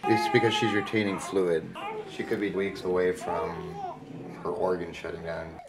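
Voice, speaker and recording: A man's voice: sits low, little pitch movement, moderate pace. A man from North Dakota who runs a children's care center, answering interview questions in a plain, matter-of-fact way. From North Dakota, United States.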